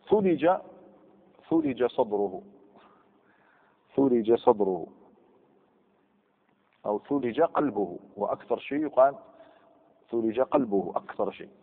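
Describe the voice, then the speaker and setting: A man's voice: medium pitch, vocal fry. Man lecturing in a hall. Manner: lively, questions the students and repeats words. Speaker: teacher of Arabic grammar. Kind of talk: classroom lecture. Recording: phone-like sound with long hall reverb.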